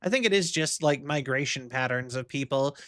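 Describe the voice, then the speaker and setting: A man's voice: medium pitch, a little fast, a bit bright, no room sound, clean studio sound. A young man livestreaming a game, musing aloud in a rambling, casual way. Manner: rambling, musing, many fillers. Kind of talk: casual chat while gaming. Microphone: streaming mic.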